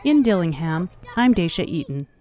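A woman radio reporter narrating a news feature in a measured, even delivery. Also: fairly low pitch.

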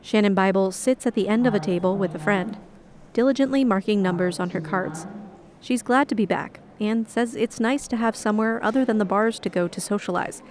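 A woman's voice: medium pitch, a little fast, darkish tone. Woman radio reporter narrating a news feature.

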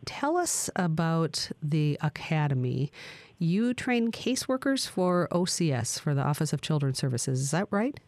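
A woman with a low-pitched voice hosts a radio talk program. She reads introductions and puts questions to guests, recorded dry with almost no room sound. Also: sing-song, unhurried, a little mellow, dry recording. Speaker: radio talk show host. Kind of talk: scripted radio introduction and interviewing.

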